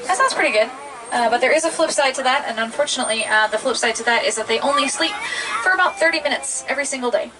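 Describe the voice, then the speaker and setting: High-pitched, fast-talking woman safari guide. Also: a crowd in the background. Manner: upbeat, friendly, addressing the group directly. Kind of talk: live tour commentary for passengers. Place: open-sided safari truck outdoors, moving. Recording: noisy open vehicle, engine and outdoor rumble.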